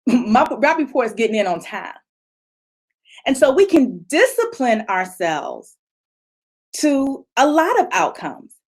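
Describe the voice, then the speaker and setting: Animated woman coach, slightly high voice. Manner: conversational and animated, acting out people's inner voices; reads out and answers audience comments. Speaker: motivational coach leading a retreat session. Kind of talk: live motivational talk. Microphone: video call.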